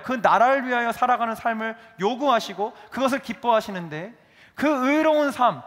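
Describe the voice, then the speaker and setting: A male pastor preaching a sermon, lively, acting out quoted dialogue as he goes. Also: very high voice. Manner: animated, acts out dialogue in his telling. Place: church sanctuary. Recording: reverberant church hall.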